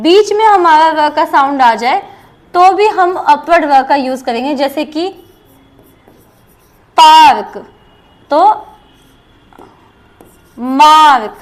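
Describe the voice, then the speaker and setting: An Indian woman teaches a shorthand class with a high voice. She moves slowly and deliberately, saying each example word aloud more than once as she explains the rules. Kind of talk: explaining a lesson step by step.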